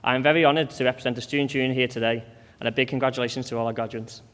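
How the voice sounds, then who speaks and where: A man's voice: medium pitch, steady tone, racing, fairly bright tone, clear, resonant tone. A young man, a students' union representative, giving a short formal introduction at a graduation ceremony in a large hall. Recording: echoey hall, long reverb.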